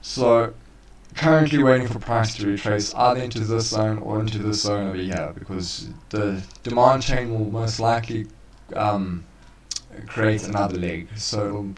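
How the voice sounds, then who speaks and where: A man's voice: fairly low pitch, normal speed. A man co-hosting a live trading stream, casually walking listeners through chart analysis. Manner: casual, laid-back, calls listeners bro. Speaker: trading co-host. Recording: roomy, far from the mic.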